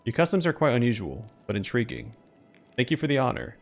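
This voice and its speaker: A man's voice: mid-range voice, lively intonation, a little fast, vocal fry, soft background music. A man voicing a solemn, earnest talking tree, a treant with formal, grand oratory, in game dialogue read aloud. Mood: grateful, earnest.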